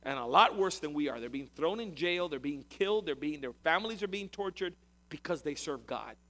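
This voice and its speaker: Lively, high-voiced male preacher. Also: fairly quick. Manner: animated, conversational preaching with swells of emphasis. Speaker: pastor. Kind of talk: sermon.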